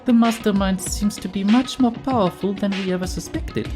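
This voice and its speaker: A woman's voice: medium pitch, moderate pace, lightly acted. Woman as a cool French-accented female schemer. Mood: cool, grave. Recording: game music behind.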